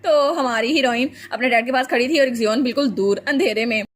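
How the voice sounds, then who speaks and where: A woman narrating a comic recap of a fantasy comic in a chatty, animated way. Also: fairly high pitch, a little fast. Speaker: storyteller.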